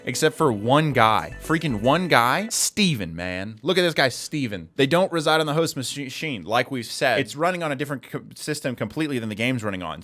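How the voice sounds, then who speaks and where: An excitable man talking casually about games, his voice at an average pitch. He gets animated, throws in slang and starts his sentences over. Faint music plays underneath. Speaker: gaming video creator. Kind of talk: casual commentary to camera.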